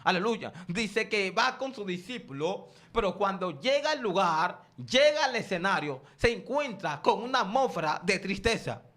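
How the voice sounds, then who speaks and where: A man with a high, bright, forceful voice preaches a sermon. He keeps asking his listeners questions and answers them himself. Now and then he calls on the congregation to say the words back to him. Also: expressive, normal speed, hardly any pauses.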